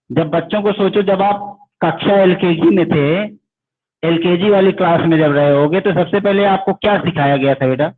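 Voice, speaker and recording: A man teaches physics in a fairly high voice, quizzing his students and answering for them. The sound is thin and phone-like. He talks to the class as "beta". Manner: addresses students as "beta", asks questions and answers them himself. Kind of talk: online class lecture. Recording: tinny phone-like audio.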